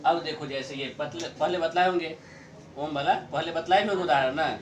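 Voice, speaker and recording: High-voiced man teaching a classroom grammar lesson. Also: slight background noise. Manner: explains slowly, repeats points, chuckles often.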